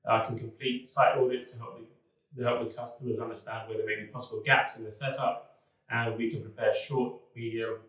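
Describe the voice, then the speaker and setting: Man, relaxed corporate talking-head video, heavy room echo, distant mic. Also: on the low side. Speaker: business development manager. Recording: very echoey room, mic far off.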